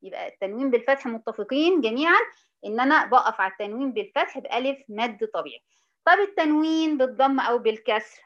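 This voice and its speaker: Egyptian woman teaching recitation, slightly high voice. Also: muffled recording. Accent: Egyptian Arabic. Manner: questioning, drawn-out example words. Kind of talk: informal tajweed lesson.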